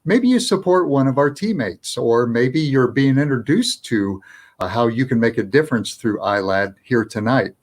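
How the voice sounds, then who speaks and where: A man co-hosts a virtual fundraiser and explains a donation match in an upbeat way. His voice sits at an ordinary middle pitch, and he often repeats a word before going on. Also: expressive, moderate pace. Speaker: nonprofit co-host. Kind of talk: live virtual fundraiser appeal.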